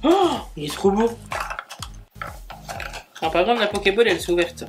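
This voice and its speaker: A man's voice: sits high, sing-song, a little fast, music in the background. A man chatting casually as he unboxes gifts, gushing and exclaiming as he goes. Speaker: book and manga YouTuber.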